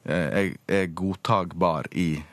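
Deep-voiced man explaining patiently. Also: steady tone, no room sound. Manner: patient, explanatory, with pauses to find words. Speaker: linguist. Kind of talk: radio interview.

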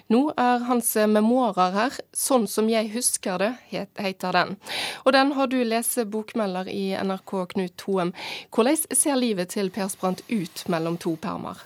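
A woman's voice: medium pitch, dry recording. A woman presenting live radio news as the host, introducing items and putting questions to guests.

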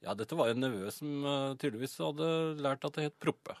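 A man co-hosting a comedic radio show, with a plain, mid-pitched voice. He tells his stories deadpan and stop-start, full of little pauses, close on a dry studio mic. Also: no echo. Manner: deadpan, hesitant storytelling. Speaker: radio host. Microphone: studio microphone.

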